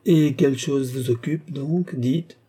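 A man's voice: medium pitch, takes it slowly, dark tone, husky, voice pushed up. A man reading aloud voices an anxious young noblewoman who keeps asking worried questions. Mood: curious. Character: anxious young noblewoman, the countess's sister-in-law.

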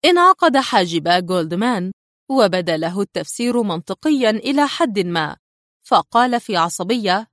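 A woman narrating a thriller audiobook in a dramatic, expressive reading style. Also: medium pitch, normal speed, no echo, studio quality.

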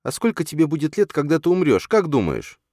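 A man's voice: on the high side, sing-song, brisk, a little mellow, no room sound, studio quality, voice pushed up. A man voicing a frightened, clingy boy of nearly ten who pleads with his mother, in an audiobook read aloud. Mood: scared.

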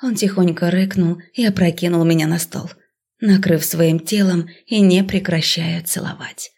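A woman reading a first-person fantasy novel aloud, speaking expressively and dropping to a hush in intimate passages. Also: fairly low pitch, steady tone, normal speed, slightly rough. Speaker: audiobook narrator.

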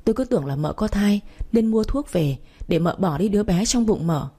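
Brief: scornful old healer man, voiced by a woman, dark, breathy, accusing, audiobook. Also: medium pitch, expressive, brisk, voice pushed up. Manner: contemptuous, accusing. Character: scornful male village herbalist.

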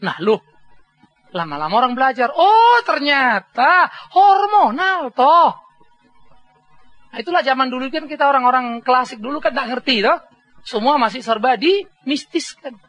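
A middle-aged man preaching a sermon as a pastor, telling animated stories with humor and acting out voices. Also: very high voice, normal speed. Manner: mixes English words into speech.

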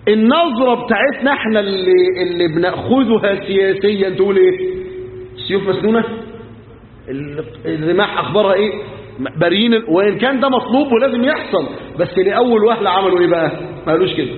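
A high-voiced Egyptian sheikh preaching at a quick clip, switching into the voices of the people in his stories and firing off rhetorical questions. The sound is thin and phone-like, with a long echo from a big hall. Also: a little hiss or hum. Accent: Egyptian Arabic. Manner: colloquial storytelling, acting out dialogue, emphatic rhetorical questions. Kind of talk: sermon.

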